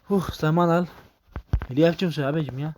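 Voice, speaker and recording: A young man narrates his own gameplay in an excitable, slightly high voice. He mutters quick strings of repeated words to himself as he works. When things slip away he swears and grumbles, then dives straight back in. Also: a little hiss or hum. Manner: rapid muttered repetitions. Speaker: gamer. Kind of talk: gameplay commentary.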